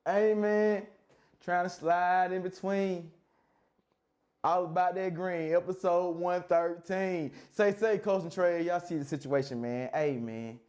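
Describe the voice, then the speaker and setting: Co-host, drawled slang, unhurried, raised pitch. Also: male voice, a little mellow. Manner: slow, drawling street slang. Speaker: podcast co-host. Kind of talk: casual chat.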